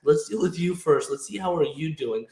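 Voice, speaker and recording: A man's voice: a little high, normal speed, mellow. A man born in Ukraine, a trucking company owner, talking earnestly as a podcast guest in loose, restarting sentences. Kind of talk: casual interview talk. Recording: roomy echo.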